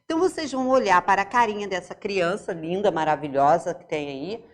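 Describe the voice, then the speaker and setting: Lively Brazilian teacher explaining to children. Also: female voice, mid-range voice. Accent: Brazilian Portuguese. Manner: explains slowly, asks checking questions to pupils. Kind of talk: remote classroom lesson.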